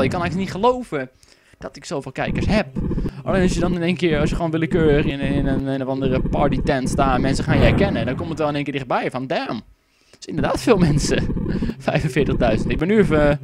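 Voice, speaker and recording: Young male gaming YouTuber, slightly drunk, rambling and goofy, loud noise behind him. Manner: rambling, goofy, swears a lot, sudden high-pitched outbursts. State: tipsy. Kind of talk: tipsy gameplay commentary.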